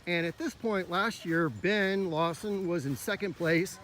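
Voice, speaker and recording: A man's voice: high-pitched, unhurried, fairly bright tone. A man coaching as he walks a cross country course outdoors, explaining the route. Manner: instructive, upbeat. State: slightly out of breath. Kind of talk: walking course tour commentary. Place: outdoor park trail. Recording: faint outdoor noise.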